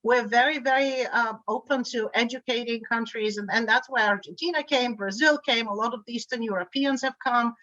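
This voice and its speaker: A woman's voice: on the high side, fairly quick, hardly any pauses, sharp tone, no echo, lo-fi sound. A middle-aged woman from Bulgaria, a guest in an interview, speaking fluently but often repeating words as she restarts. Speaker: guest, energy grid board chair. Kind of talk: remote interview conversation.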